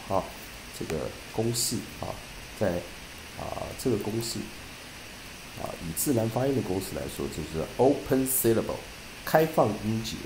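A man teaching English pronunciation, reading dictionary entries slowly and deliberately, then explaining with many repeated terms and "ah" fillers. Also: mid-range voice, reverberant, noisy background.

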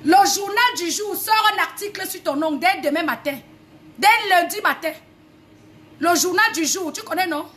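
A woman's voice: extremely high pitch, moderate pace, a bit bright. A woman singer from Cameroon delivering a heated, repetitive, confrontational rant to the camera. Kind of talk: angry video rant.

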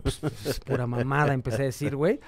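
A man with a Mexican Spanish accent, a guest musician telling stories in an animated, slangy, profane way. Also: mid-range voice, a little fast. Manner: animated, slangy and profane, full of quoted voices. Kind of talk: casual storytelling.

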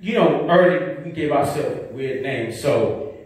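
A new stand-up comedian from Brooklyn, New York, performs an open-mic set on a small indoor club stage with a tiled wall. His voice is male, slightly high, animated, and a bit mellow, and his slow, rambling delivery is packed with asides and repeated "right?". He speaks into a handheld mic, filmed by a distant camera, so the room sounds echoey and far off.

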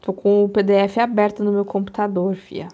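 A woman's voice: mid-range voice, little pitch movement, fairly quick, mellow. A woman hosting a casual coloring livestream, chatting to viewers and explaining which pencils she is using. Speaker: livestream host coloring a book.

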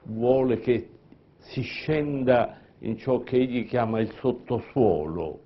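Slow-spoken man in a panel debate. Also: mid-range voice. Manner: slow, measured and hesitant. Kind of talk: conference discussion. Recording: dull lo-fi conference recording.

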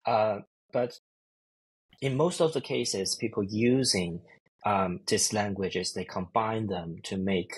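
A man in his thirties explaining ideas haltingly in an online interview, often repeating words. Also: fairly low pitch, husky, rough recording. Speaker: researcher guest. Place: indoors, book-lined room. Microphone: earbuds on a video call.

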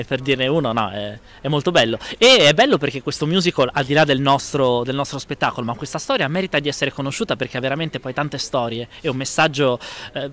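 A man in his thirties, a stage actor giving a casual promotional interview with an animated, smiling delivery. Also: mid-range voice.

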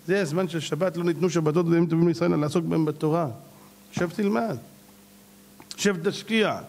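A man's voice: on the high side, steady tone, vocal fry, darkish tone. A male rabbi giving a sermon to a live class, telling stories dramatically and firing off rhetorical questions.

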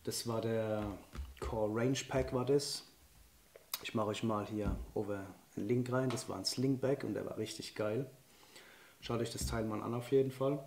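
An outdoor and shooting sports vlogger, a man, chats enthusiastically and laughs often through a casual unboxing, seated at a wooden table facing the camera indoors. His mid-range voice is slightly hoarse and a little mellow, with a steady tone and moderate pace. The room is echoey and roomy, with a faint hiss of noise.

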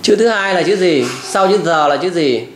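A man's voice: high-pitched, expressive, moderate pace, reverberant, slight background noise. A man tutoring a child at home, firmly correcting and repeating model words. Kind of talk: pronunciation drill.

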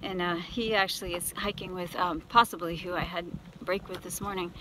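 A tired middle-aged American woman records a trail vlog on a phone held at arm's length, out on a wooded mountain trail. She's a thru-hiker vlogger talking casually in a lowish, steady voice at a brisk clip, with noise in the background.

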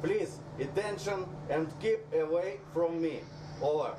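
A man's voice: fairly high pitch, unhurried. Russian-accented man warning over a radio. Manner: repetitive stern warnings in broken English. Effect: heard over a ship's radio. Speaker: coast guard radio operator. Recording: distant echoey radio audio with noise.

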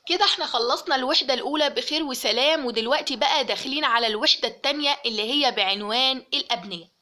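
A young woman with an Egyptian Arabic accent talks through a grammar lesson at a brisk clip. Her voice sits high and sounds bright. She explains step by step and keeps asking the listener whether they follow. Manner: explains step by step, asks "okay?" often. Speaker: teacher.

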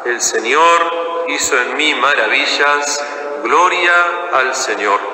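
A man, a priest celebrating mass, reading prayers and scripture in a slow, measured way in a large church. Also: medium pitch, noisy background. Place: large ornate church, indoors. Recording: echoey church from far off.

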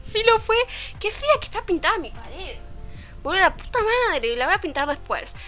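Young rioplatense girl vlogging from her room, high bright voice, swears a lot and acts out what people said. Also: normal speed, soft background music. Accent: Rioplatense Spanish. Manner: animated, swearing, quoting people in their voices. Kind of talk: casual storytelling vlog. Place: at home, her bedroom.

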